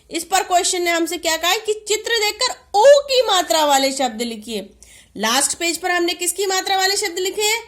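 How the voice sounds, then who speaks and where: Woman kindergarten teacher, high voice, patient and slow on key words, questions she answers herself. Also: a bit bright. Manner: asks questions and answers them herself, stretching words slowly. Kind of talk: online lesson for young children.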